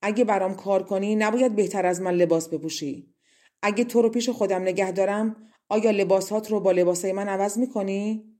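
A woman's voice: medium pitch, fairly even intonation, lightly acted. A woman voicing a greedy, scornful old crone who walks with a cane and mocks as she talks. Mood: suspicious. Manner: mocking, grasping, sharp-tongued.

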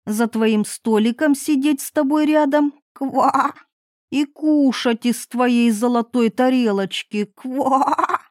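A small, stubborn frog pleads in slow, stretched-out phrases and croaks between them, as a woman reads him aloud. The voice sits a little higher and louder than her narration, close and dry. It is a storybook telling. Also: dry recording. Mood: pleading. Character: fussy pleading male frog, small and persistent.

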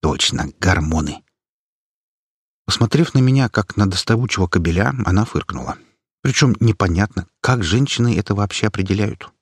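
A man reads a first-person audiobook with wry irony. His voice is low and a bit husky, but the pitch moves a lot. The recording is close and dry. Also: lively intonation, moderate pace, no echo. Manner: wry, ironic storytelling. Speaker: audiobook narrator.

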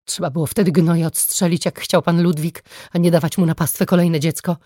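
Low-voiced woman narrating an audiobook. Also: steady tone, fairly quick, dark tone, no echo, clean studio sound. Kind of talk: first-person scripted narration.

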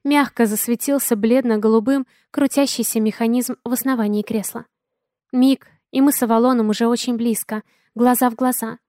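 A woman with a higher voice narrates an audiobook in the first person, keeping a steady tone at a moderate pace. Her voice is a little mellow, and the studio recording is clean and dry.

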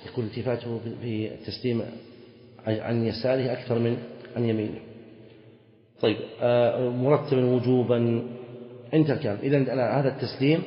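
Sheikh lecturing in an echoey hall. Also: male voice, mid-range voice. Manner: explanatory, repeats key phrases, asks the class questions. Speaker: sheikh teaching Islamic jurisprudence. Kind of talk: classroom lecture explaining a text. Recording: echoey hall, dull lo-fi sound.

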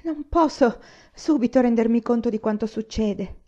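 A woman reading the part of a thoughtful, reserved grown man in an audiobook, in a mellow, earnest tone. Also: a little high, normal speed, highs cut off, pitched above the performer's own voice, close to an everyday voice.

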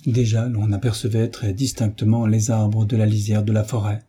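A man narrating a classic novel aloud in a measured, dramatic reading. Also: on the low side, flat delivery, dark tone, slightly rough. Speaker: audiobook narrator.

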